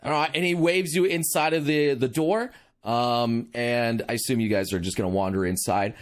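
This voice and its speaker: A man's voice: mid-range voice, moderate pace. A man running a tabletop game as game master, narrating casually with many fillers.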